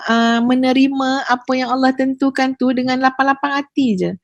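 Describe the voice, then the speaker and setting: A woman's voice: high voice, moderate pace, no echo, highs cut off. A woman religious teacher, telling stories with feeling in a podcast chat. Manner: lively storytelling, lively with emotion.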